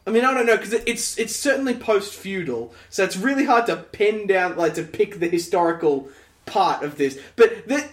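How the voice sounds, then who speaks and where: A man with a high, lively voice chatting casually about a film, laughing often. The room gives his voice a noticeable echo. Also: moderate pace. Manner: animated, laughs often, does silly voices. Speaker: podcast co-host. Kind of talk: casual movie review chat. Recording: roomy echo.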